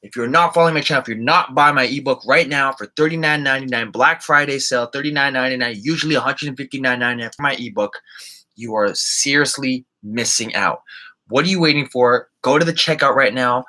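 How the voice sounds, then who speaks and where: Smug self-promoting influencer man, played by a man, boastful hard-sell pitch, bright edge. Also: fast talker, close to an everyday voice, rough recording. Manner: pushy sales pitch, boastful.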